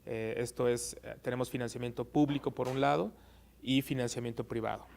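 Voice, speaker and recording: A man gives careful, measured answers as an invited legal expert, filling pauses with soft hesitations. His voice is gravelly. He sounds like an interview guest explaining things. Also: medium pitch, fairly even intonation, slight background noise. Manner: measured, frequent "eh" fillers. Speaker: guest expert on election law.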